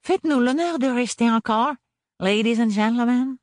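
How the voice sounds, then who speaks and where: Boy's voice, high, overly courteous, menacing, storybook. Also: normal speed, no room sound, clean studio sound. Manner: mock-polite, high-pitched. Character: polite boy holding a gun, menacingly courteous.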